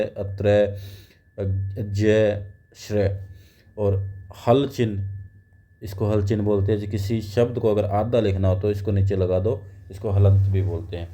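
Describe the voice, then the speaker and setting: A man's voice: on the low side, dark tone. A man giving a grammar lecture, explaining step by step and asking and answering his own questions. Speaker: teacher. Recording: dull lo-fi recording.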